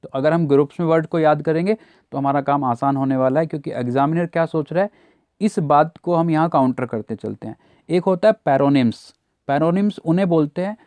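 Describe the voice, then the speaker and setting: A man's voice: a little high, a little mellow, dry recording. A young Indian man teaching vocabulary for exams, explaining step by step, spelling words out letter by letter and checking that students follow. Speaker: English teacher. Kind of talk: exam-prep grammar lesson.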